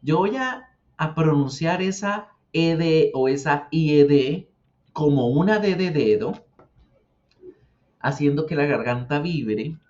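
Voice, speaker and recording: A man teaching English pronunciation as a patient teacher who repeats words slowly for the learner. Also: on the high side, darkish tone. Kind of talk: explaining English grammar and pronunciation. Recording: dull lo-fi sound.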